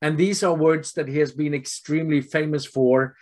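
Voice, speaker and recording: A man in his fifties with a Norwegian accent, giving an earnest health presentation to doctors over a video call and pausing often on fillers. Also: a little high. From Norway. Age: 50s. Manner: earnest, steady, with frequent filler pauses.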